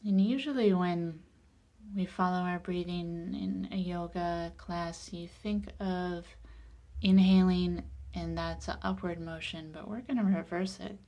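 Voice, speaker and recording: In dull-sounding audio, a woman on the low side of the pitch range leads a meditation in a calm, soothing way. She takes her time, and her soft voice goes breathy at the close of phrases.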